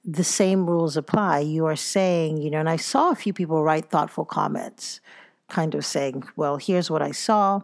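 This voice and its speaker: A woman from Nigeria hosting a solo podcast, earnest and reflective, with a gravelly, fry-edged voice pitched on the low side. She sounds tired after exercise and turns to self-mocking storytelling between her points. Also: normal speed. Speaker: podcast host. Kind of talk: casual solo podcast monologue.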